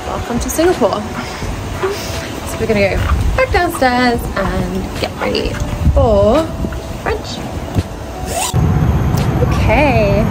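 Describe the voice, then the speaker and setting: A woman's voice: a little high, heavy background noise. A young woman in her twenties chatting upbeat to her phone camera, with lots of fillers. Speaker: vlogger. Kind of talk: casual vlog to camera. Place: outdoors on a rooftop and streets, then inside a cafe. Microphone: phone camera at arm's length.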